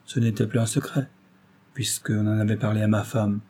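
A man's voice: fairly low pitch, fairly even intonation, moderate pace, darkish tone, a little hiss or hum, natural voice. A man reading aloud voices a kindly, good-natured middle-aged husband who is easily flustered. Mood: earnest.

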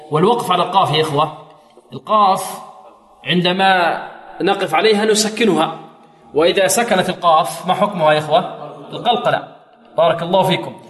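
A man teaching Quran recitation rules, quizzing his students with questions and chanting verses slowly to demonstrate. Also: high voice, a bit bright. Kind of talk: tajweed lesson with chanted recitation. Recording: echoey hall.

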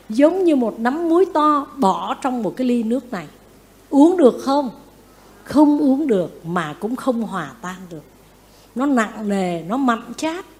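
A woman, a Buddhist nun, giving a sermon who keeps asking the audience questions and repeating phrases for emphasis. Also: high voice. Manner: lively, asks the audience questions and answers them.

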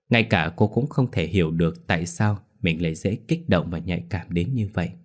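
A man narrating a ghost story in a very low, deep voice. He tells it in a steady, even manner, like a spoken audiobook.

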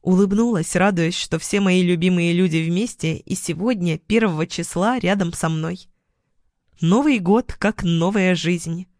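A woman reading a first-person novel aloud at an unhurried pace, gently expressive. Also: on the low side, no echo, studio quality. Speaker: audiobook narrator.

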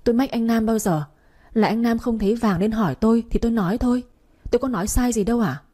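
A woman's voice: fairly high pitch, quick pace, dark tone, voice pushed up, close to an everyday voice. Woman voicing a timid pregnant young wife. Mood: protesting. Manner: polite, pleading.

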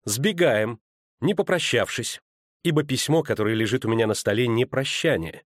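A man's voice: normal speed, no room sound, clean studio sound, natural voice. A man voicing a proud, spurned sorceress woman who speaks with biting sarcasm in an audiobook. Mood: sarcastic, furious. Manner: biting sarcasm, rising pitch. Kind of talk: audiobook character voice.

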